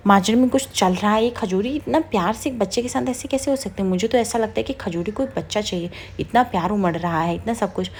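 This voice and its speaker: Give me a woman playing a brash, suspicious young man who mocks everyone, rattled off fast. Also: mid-range voice, a little hiss or hum, natural voice. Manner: teasing, blunt, mocking.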